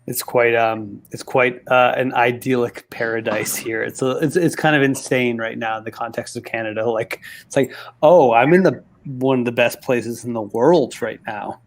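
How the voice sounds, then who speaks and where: Role: game master. Sex: male. Style: casual chat and game narration. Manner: quick and halting, full of restarts. Mic: video call from home. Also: medium pitch, steady tone. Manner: quick, halting talk with many restarts and fillers. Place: home in Halifax.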